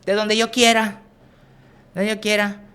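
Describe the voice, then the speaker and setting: A man imitating an indignant woman heckler, shrill and scolding. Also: completely flat delivery, unhurried, sharp tone, smooth.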